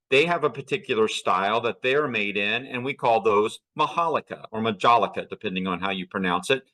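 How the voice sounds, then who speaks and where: Bright-voiced man giving a slide lecture. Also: mid-range voice, rough recording. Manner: poses rhetorical questions and answers them. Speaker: archaeology lecturer.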